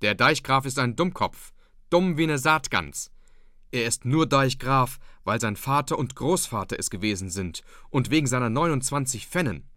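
Old farmer father, stern and gruff, as a male reader puts him on; lively, dry. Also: medium pitch, normal speed, dry recording. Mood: scornful.

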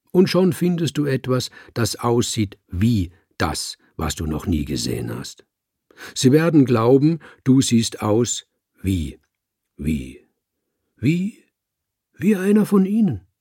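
A man's voice: medium pitch, mellow, slightly rough, no room sound, studio quality, exaggerated voice. A man voicing an old, wise tomcat in the afterlife, talking in a musing, philosophical way in an audiobook. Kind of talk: audiobook reading.

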